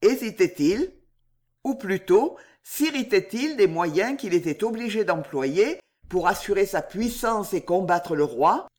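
A reader narrating a historical novel as an audiobook in an expressive storytelling way. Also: mid-range voice, unhurried.

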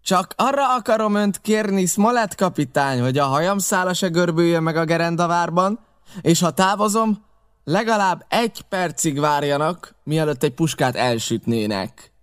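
Man doing sly storybook pirate, oily and cheerful, high and loud. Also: expressive, clear, resonant tone. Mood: ingratiating. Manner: ingratiating, overly polite. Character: sly one-legged male pirate, jovial and smooth-talking.

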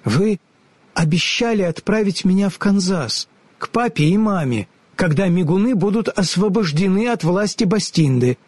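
A man's voice: high-pitched, lively intonation, normal speed, darkish tone, breathy edge, dry recording, voice pushed up. A man reading a storybook, voicing a timid but brave young girl who speaks earnestly. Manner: earnest, slightly trembling.

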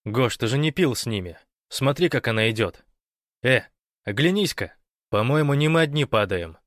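A man's voice: mid-range voice, expressive, normal speed, no echo, clean studio sound, voice pushed up, close to an everyday voice. A man doing a teasing joker captain. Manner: teasing, barking. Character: joking man, team captain, teasing and loud.

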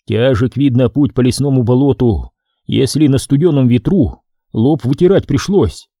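A man narrating an audiobook in an expressive, measured manner. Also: medium pitch, no echo, studio quality.

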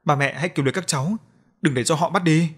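A man's voice: a little high, quick pace, a bit bright, husky, voice pushed up. A man voicing the grieving female ghost of a murdered mother, who speaks through a girl in a sobbing, pleading tone. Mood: sobbing plea.

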